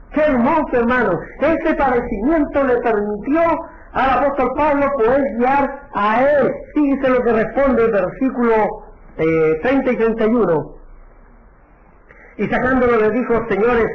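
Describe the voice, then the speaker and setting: A pastor preaching a sermon, asking the congregation rhetorical questions and calling them brother. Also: male voice, very high-pitched, slight background noise. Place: church. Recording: echoey, dull lo-fi church recording.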